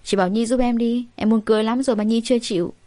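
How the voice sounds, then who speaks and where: A woman's voice: fairly high pitch, steady tone, racing, mellow, no room sound, close to an everyday voice. A woman narrator voicing an earnest young man, pleading and eager.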